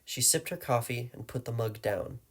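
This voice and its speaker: A man narrating a story aloud in a steady, measured way. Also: mid-range voice. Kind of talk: audiobook reading.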